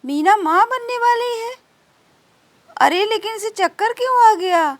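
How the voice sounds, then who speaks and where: A nervous young husband in a homemade doll story who keeps asking what is wrong, voiced by a woman narrator. The voice stays high and the words come slowly, in a dry recording. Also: lively intonation, dry recording. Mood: anxious. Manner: anxious, hurried.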